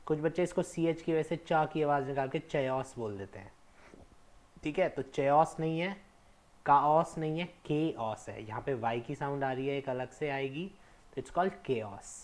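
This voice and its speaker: A young man teaching English pronunciation, stressing each word slowly and setting wrong forms against right ones. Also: medium pitch, lively intonation, darkish tone. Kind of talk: explanatory lesson mixing Hindi and English.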